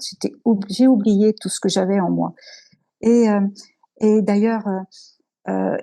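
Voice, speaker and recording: A woman giving an earnest, emotional personal testimony as an interview guest, halting with many pauses and restarts. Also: mid-range voice, mellow.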